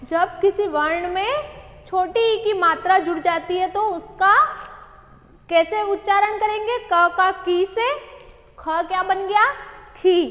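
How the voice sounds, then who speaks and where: A woman's voice: very high voice, in a large hall. A woman teacher giving a patient online lesson to young children, asking questions and answering them herself.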